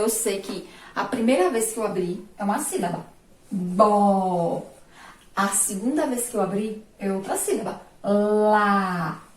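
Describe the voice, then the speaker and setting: A woman with a Brazilian Portuguese accent teaching a remote class, asking her pupils questions and answering them herself, sounding out syllables slowly and loudly. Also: a little high, far from the mic. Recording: roomy echo, voice from off mic.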